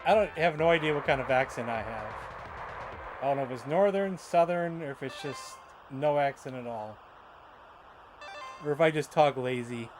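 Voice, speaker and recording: A man's voice: medium pitch, normal speed, over music, rough recording. A man with a Michigan accent chatting casually and rambling, often repeating words as he tells stories. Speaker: streamer. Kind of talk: casual chat.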